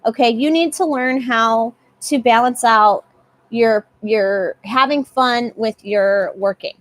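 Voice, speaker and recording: A woman's voice: on the high side, slow. A young woman giving a casual live tarot reading, chatty and often repeating herself. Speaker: tarot reader.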